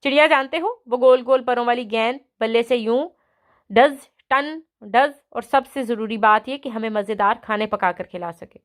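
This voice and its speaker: A woman's voice: fairly high pitch, natural voice. A woman voicing a playful young man who teases a boy while shyly courting, read aloud in a storybook reading. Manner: playful, joking.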